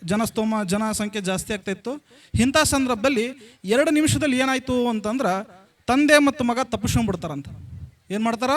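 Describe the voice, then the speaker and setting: A man with a North Karnataka accent, a religious leader giving a blessing address to a school gathering, telling a folksy story that repeats lines and puts questions to the crowd. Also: sits high. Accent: North Karnataka Kannada. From Karnataka, India.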